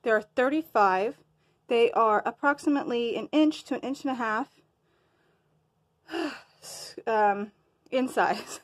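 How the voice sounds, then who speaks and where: A woman's voice: a little high, takes it slowly, pauses often. A woman talking casually to her viewers in a crafting show-and-tell, a bit winded and rambling, losing her train of thought now and then. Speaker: crafting vlogger.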